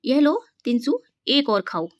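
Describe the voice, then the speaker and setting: A woman's voice: sits high, sing-song, a little slow, dry recording, studio quality, voice pushed up. Woman reading as a cheerful coaxing little girl. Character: cheerful young girl, friendly host.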